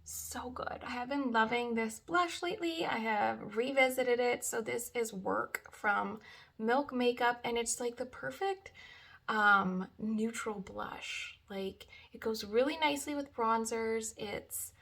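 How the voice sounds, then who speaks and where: A woman's voice: a little high, slow, gravelly, fairly bright tone. A young woman chatting casually through a makeup tutorial, gushing about products with lots of fillers. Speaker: beauty vlogger.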